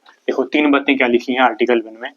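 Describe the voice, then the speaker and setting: Flat-voiced man teaching a lecture. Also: medium pitch, quick pace, highs cut off. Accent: Haryanvi. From India. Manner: explanatory, asks and answers his own questions, dictates notes. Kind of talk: recorded exam-prep lecture.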